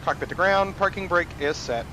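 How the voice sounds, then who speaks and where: A man's voice: high-pitched, fairly quick. A man speaking as a pilot, mixing casual talk with procedure calls. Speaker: airline pilot in cockpit. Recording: noisy cockpit.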